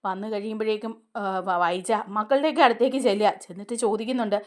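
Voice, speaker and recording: A woman retelling a TV serial episode in a chatty, casual way, as a serial reviewer. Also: mid-range voice. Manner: chatty, fast, tag questions.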